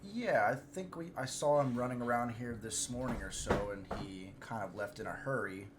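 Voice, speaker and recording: A man's voice: medium pitch, normal speed, very noisy. A man playing a tabletop game, speaking hesitantly with many fillers. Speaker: player. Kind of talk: casual tabletop play.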